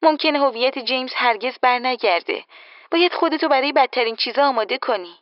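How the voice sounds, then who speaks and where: A woman's voice: a little high, dry recording, lo-fi sound, pitched above the performer's own voice, lightly acted. A woman voicing a nosy, worried young friend in an audiobook, asking insistent anxious questions. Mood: pleading. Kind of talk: audiobook character voice.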